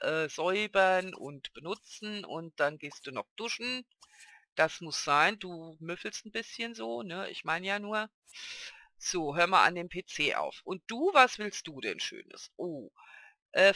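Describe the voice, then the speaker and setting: A man's voice: high-pitched, pushed and bright, no echo, studio quality. A man hosting a casual Let's Play, chatting and talking fondly to the characters on screen. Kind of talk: casual gameplay commentary.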